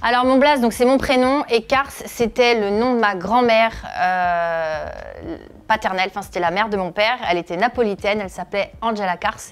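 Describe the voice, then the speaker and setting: A comedian and video creator in her thirties from northeastern France answers interview questions, hesitating and using many filler sounds. Her voice is mid-range and her speed normal.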